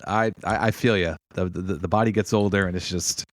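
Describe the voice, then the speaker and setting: Brief: late-thirties man, lowish voice, easy conversational co-host. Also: a little fast, no room sound. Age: 30s. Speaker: podcast co-host. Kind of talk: casual chat.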